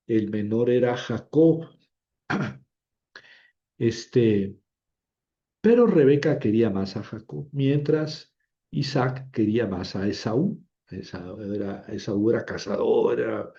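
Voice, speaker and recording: A man's voice: medium pitch, warm tone. A man giving an informal history lecture, retelling old stories in a chatty way, full of fillers and self-corrections. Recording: dull lo-fi recording.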